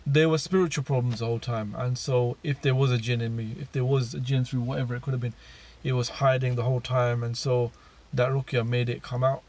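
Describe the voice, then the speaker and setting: A man's voice: mid-range voice, flat delivery, fairly quick, hardly any pauses, darkish tone. A man telling his personal story in a casual monologue, rambling with many fillers and restarts.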